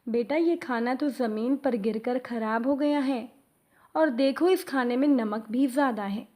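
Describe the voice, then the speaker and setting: A woman voicing a kind young man who speaks gently and with concern. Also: high voice, a little slow. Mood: gentle. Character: kind-hearted young man moved to tears.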